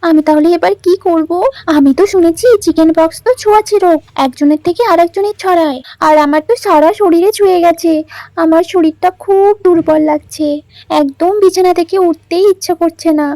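A woman's voice: very high voice, brisk, warm tone, dry recording. A woman voicing a sick, worried village mother who frets and sighs her complaints in a doll story. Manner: fretful, sighing complaints.

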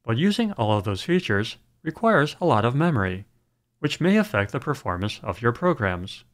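A man narrating a scripted programming screencast in a calm, measured way. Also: medium pitch.

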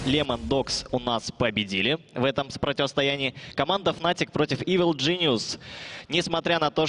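A man's voice: medium pitch, a bit bright. A young man on a headset giving pre-match esports analysis as a broadcast commentator. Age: young adult.

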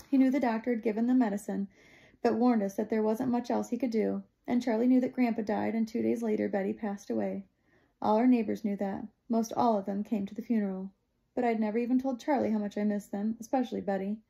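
A woman reads a novel aloud in steady first-person narration. Her voice is dark and gravelly with a mellow tone. The pitch is in the middle range for a woman. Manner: steady, plain storytelling. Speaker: audiobook reader.

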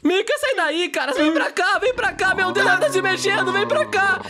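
A man's voice: high-pitched, very animated. Man voicing a cocky, scheming young boy leader. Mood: panicked. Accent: Brazilian Portuguese. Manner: bossy, teasing, quick to panic. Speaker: channel creator. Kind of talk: Minecraft machinima voice acting.

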